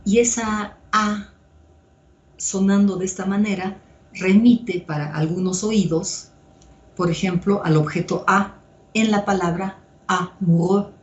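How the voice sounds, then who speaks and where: A woman psychoanalyst giving a measured, step-by-step lecture with occasional fillers. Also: mid-range voice, steady tone, a little mellow, lo-fi sound. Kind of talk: slow didactic lecture. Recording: echoey room.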